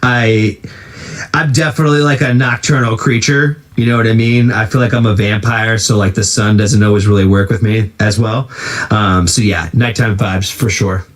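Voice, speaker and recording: A man's voice: on the low side, steady tone, normal speed. Laid-back young-sounding male interviewer. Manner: laid-back, filler-heavy, laughs often. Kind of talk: casual interview chat.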